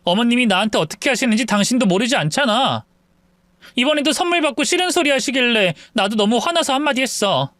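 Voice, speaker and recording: An indignant young wife, heated and reproachful, as a man puts her on in a raised, lively voice that swings up with each complaint. Her pleading lines come across close and dry, with no room sound. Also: very high-pitched, quick pace, no echo, pitched above the performer's own voice. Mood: exasperated.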